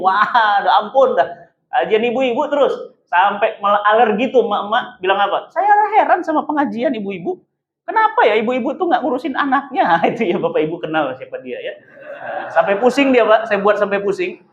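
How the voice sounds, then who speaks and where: A male preacher delivers a sermon, throwing out questions and answering them at once. The sound is dull and the big room echoes around him. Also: high voice. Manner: emphatic, asks rhetorical questions and answers them himself; keeps addressing listeners as "Pak". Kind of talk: lively sermon to a congregation. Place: mosque hall.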